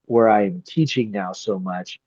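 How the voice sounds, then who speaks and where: A middle-aged man, a grappling referee and coach, chatting as a podcast guest; he tells stories with lively energy, swears freely, and acts out the people he quotes. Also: on the low side, unhurried, breathy edge, no room sound. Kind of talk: casual chat. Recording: slightly muffled dry podcast audio.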